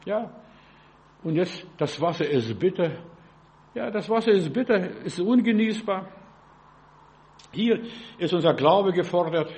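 A man preaching a sermon in short, animated phrases, acting out quoted voices and often stopping to check that listeners follow. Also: high voice, measured pace, pauses often. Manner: speaks in short broken phrases, often saying "ja" and "verstehst".

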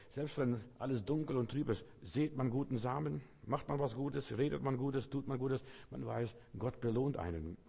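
A male preacher delivering a sermon, pressing his points with fervent repetition. His voice is dark and mellow with a husky edge. A long reverb trails behind every phrase. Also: mid-range voice. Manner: fervent, repetitive exhortation addressed to the listener.

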